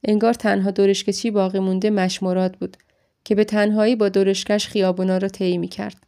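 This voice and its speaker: A woman reading a first-person story aloud in a steady, emotional storytelling manner. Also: medium pitch, clear, resonant tone. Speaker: audiobook narrator.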